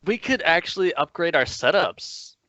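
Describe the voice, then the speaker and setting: A man's voice: a little high, lively intonation, normal speed, sharp tone, no echo, dull audio. A man co-hosting a podcast, playful and sarcastic, laughing along in casual chat. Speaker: podcast co-host.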